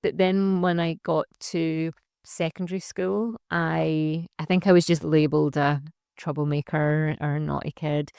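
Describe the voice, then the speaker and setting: A woman's voice: low voice, flat delivery, a little slow, gravelly, a little mellow, clean tone, no room sound, studio quality. A young adult woman, a social enterprise founder talking reflectively in a casual interview, with plenty of fillers and restarts. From Scotland.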